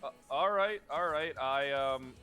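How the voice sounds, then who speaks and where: A man's voice: mid-range voice, unhurried, pushed and bright, soft background music. A man playing a police officer in a roleplay game, talking hesitantly with many fillers and restarts. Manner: hesitant, stammering, filler-heavy talk. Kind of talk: casual in-character roleplay chat.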